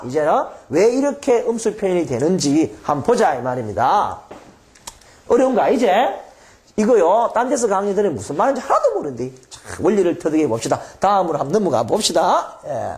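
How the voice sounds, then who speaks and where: A man's voice: high-pitched, darkish tone. A man with a Gyeongsang accent giving an exam-prep lecture, quizzing students with rhetorical questions and drilling by repetition. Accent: Gyeongsang Korean.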